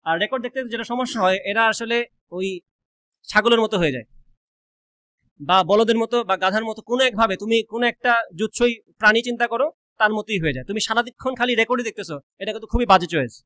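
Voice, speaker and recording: A young man with a high, sharp voice and a colloquial Bengali accent tinged with Sylheti gives a blunt orientation lecture as a coaching teacher, sprinkling in English words. He speaks rapid-fire and remarks that he always talks fast.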